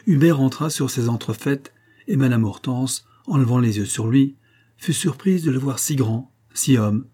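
Male audiobook narrator, measured reading, dark husky tone. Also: medium pitch. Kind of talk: scripted narration.

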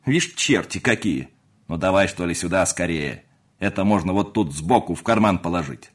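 A man's voice: deep voice, lively intonation, normal speed. A man voicing a stout, grumpy manservant who barks crossly while loading a carriage. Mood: angry. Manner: barking, cross.

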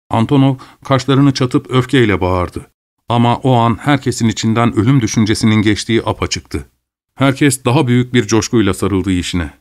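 A man reading a literary war story aloud as an audiobook narrator, measured and grave, with brief acted shouts. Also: on the low side.

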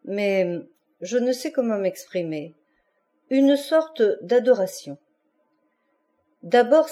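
A woman narrating an audiobook in an even, measured way. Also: mid-range voice. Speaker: audiobook reader.

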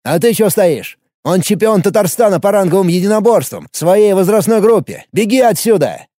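A man's voice: high-pitched, expressive, moderate pace, dark tone, no room sound, studio quality, pitched above the performer's own voice. A man voicing an anxious, friendly teenage boy in an audiobook, urgent and pleading.

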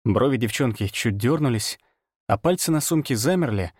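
A man narrating a fantasy audiobook in the first person, steady and measured. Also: mid-range voice, husky, dry recording, studio quality.

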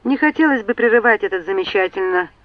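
A woman's voice: mid-range voice, animated, quick pace, dry recording, dull audio, close to an everyday voice. Woman reading as a reproachful, sensible older brother.

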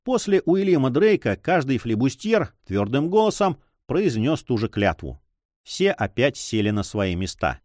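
Expressive male audiobook narrator. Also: mid-range voice, a little slow, no room sound, studio quality. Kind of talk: scripted narration.

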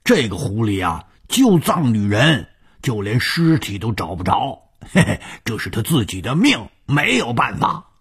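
A man voicing a sly middle-aged henchman who talks in an offhand, chuckling, higher-pitched voice. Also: very animated, unhurried, fairly bright tone, breathy edge, heavily acted.

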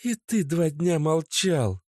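A man putting on a shrill angry young woman. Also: very animated, unhurried, a little mellow, no room sound, studio quality. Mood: furious. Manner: shrill, accusing, disbelieving. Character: young woman, quick-tempered, sharp-tongued girlfriend.

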